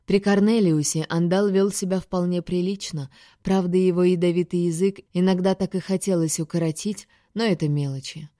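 A woman reading a first-person science-fiction audiobook in a steady, expressive way. Her voice sits low and mellow, recorded dry and close with no room sound. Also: normal speed, no echo. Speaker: audiobook reader.

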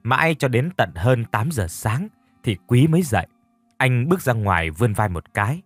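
Man narrating a story over soft music. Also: mid-range voice, sing-song, normal speed, breathy edge, no echo. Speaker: audiobook narrator.

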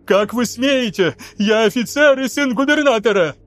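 A man's voice: extremely high pitch, moderate pace, fairly bright tone, voice pushed up. A man voicing a cowardly young male officer, pleading and frantic. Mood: indignant.

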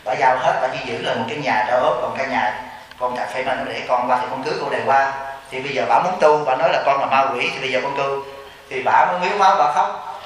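A man's voice: mid-range voice, fast talker, fairly bright tone. A Buddhist monk with a Southern Vietnamese accent giving a storytelling Dharma talk, acting out both sides of the dialogues he recounts. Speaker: Buddhist monk and temple abbot. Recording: very echoey hall, distant mic, faint noise.

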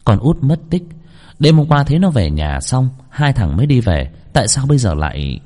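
A man voicing an anxious village boy who speaks in startled, halting bursts. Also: medium pitch, sing-song, mellow, in a large hall, lightly acted. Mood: alarmed. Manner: startled, hesitant.

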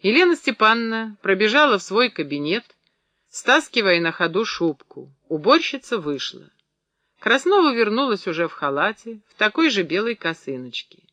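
Bright high-voiced male narrator. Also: big pitch swings, normal speed, no echo. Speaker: audiobook narrator. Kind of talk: scripted narration.

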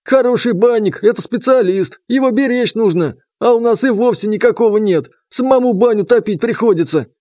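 A man's voice: extremely high pitch, brisk, hardly any pauses, a little mellow, dry recording, clean studio sound, pitched above the performer's own voice. A man voicing a hearty, commanding old great-grandfather in an audiobook. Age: older.

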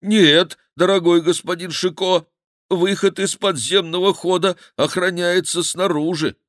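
Man putting on a cowardly fat monk, high wailing voice, loud and slow, audiobook. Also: fairly even intonation, no echo, studio quality. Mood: pleading. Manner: wailing, pleading, loud lamenting.

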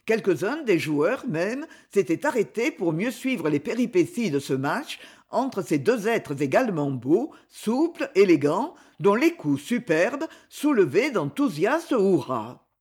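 A narrator reading a classic novel aloud in an expressive storytelling manner. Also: mid-range voice, a little slow, slightly rough.

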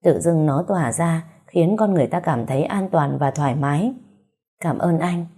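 A woman narrating a romance story, with even, unhurried reading. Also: low-pitched, slightly rough.

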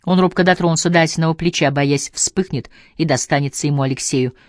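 A woman narrating a literary audiobook with a measured, expressive reading. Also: low-pitched, no echo, studio quality.

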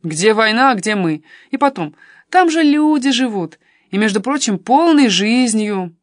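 A woman's voice: fairly high pitch, animated, measured pace, no room sound, clean studio sound. A woman reading an audiobook and voicing a pushy young man who keeps coaxing and persuading his cousin. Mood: persuasive.

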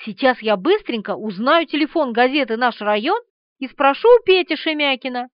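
A woman voicing an impatient police officer who lays out plans in a brisk, bossy way. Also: high voice, lively intonation, no echo. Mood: scheming. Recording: dull lo-fi audiobook recording.

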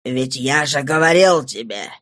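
A reader voicing a stern, calm male police inspector in an audiobook, commanding and measured. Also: medium pitch, dry recording, voice pushed down. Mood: cool. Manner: cool and commanding, slow and measured. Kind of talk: audiobook reading.

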